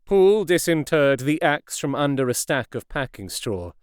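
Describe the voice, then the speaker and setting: A man narrating a classic novel as an audiobook in a measured, expressive way. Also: a little high, clean tone, dry recording, studio quality. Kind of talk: scripted narration.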